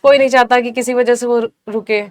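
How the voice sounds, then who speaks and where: A young woman tells her story plainly and steadily in an interview. Her voice is high and smooth, and the recording is close and dry with no room sound. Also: fairly quick, no echo. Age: young adult. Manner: steady, matter-of-fact storytelling. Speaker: guest, successful exam candidate. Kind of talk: interview answers.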